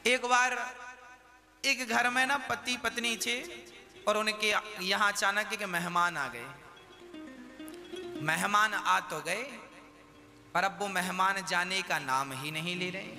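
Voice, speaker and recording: A man's voice: high voice, takes it slowly, long pauses, pushed and bright. A male preacher telling folksy devotional stories and acting out the characters, in a reverberant hall with music behind. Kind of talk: devotional storytelling sermon.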